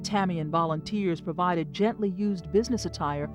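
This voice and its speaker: A woman news reporter giving scripted narration for a television feature in an even, measured newsreader delivery. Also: on the low side. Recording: voice-over with music behind.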